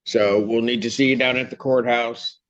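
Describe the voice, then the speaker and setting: Brisk male judge on a lo-fi recording. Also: medium pitch, steady tone, a little hiss or hum. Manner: brisk, directive. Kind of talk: courtroom hearing.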